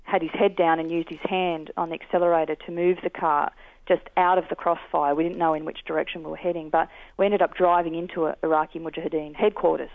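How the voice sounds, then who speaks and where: An Australian man, a guest in an interview, telling his experiences in an earnest, measured way. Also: fairly high pitch, little pitch movement, vocal fry, no echo. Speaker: guest, peace activist. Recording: tinny dry phone line.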